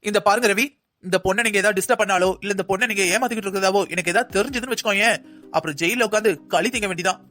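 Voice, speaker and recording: A raised, very rapid male voice for a man playing a stern cartoon inspector who keeps his squabbling officers in line. He gives orders firmly, with soft music underneath. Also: high voice. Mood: commanding. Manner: firm, commanding. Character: stern male police inspector, the team's boss. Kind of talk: cartoon dubbing.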